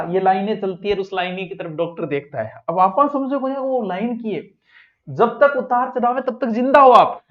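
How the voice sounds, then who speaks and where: High-voiced male teacher, jokey and dynamic, captured on dull lo-fi classroom audio. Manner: lively, jokey, swings between loud and soft. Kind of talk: exam coaching lecture.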